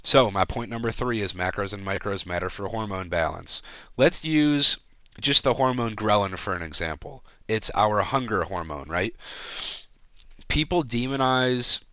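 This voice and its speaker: A young man, stuffed up with a cold, talks straight to his viewers in a casual teaching tone. His voice is low, bright and forceful, with a crisp, clear edge. The audio is dry but a bit dull. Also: lively intonation, normal speed, dry recording. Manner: casual, direct explainer addressing viewers. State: congested from a cold. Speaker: fitness educator. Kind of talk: talking-head educational video.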